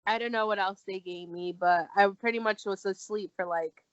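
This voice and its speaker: A woman's voice: mid-range voice, moderate pace, dry recording. Young woman telling a story, dry lo-fi sound. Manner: animated, acts out quoted dialogue. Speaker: guest. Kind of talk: casual storytelling. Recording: dull lo-fi recording.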